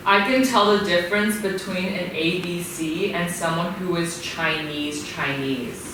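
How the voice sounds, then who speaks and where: A woman's voice: fairly low pitch, measured pace. A young woman acting as moderator, reading out short statements for a group to respond to. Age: young adult. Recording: echoey room, distant mic, background noise.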